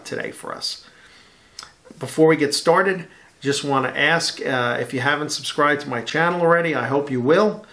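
A middle-aged man talks through a model kit review at his home hobby desk in a relaxed, easygoing way, full of ums and uhs. He sounds at an even, middle pitch, recorded by a desk webcam. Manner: relaxed, chatty, many fillers. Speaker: scale model builder, channel host. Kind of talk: casual build review.

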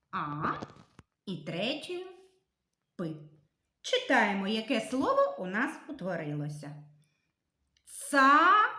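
A woman teaching a reading and writing lesson to young children, speaking slowly and clearly with encouragement. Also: mid-range voice, fairly bright tone, reverberant. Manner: slow, clearly articulated, encouraging.

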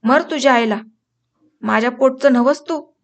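A woman's voice: high voice, normal speed. A woman reading the lines of a harsh, angry older village father in a storybook. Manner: harsh, scolding.

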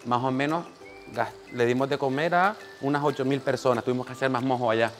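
A chef teaching a cooking class in a small kitchen speaks fast, with a medium-pitched voice and fairly even intonation, over soft background music. He is practical in his demonstration, guiding an assistant beside him step by step.

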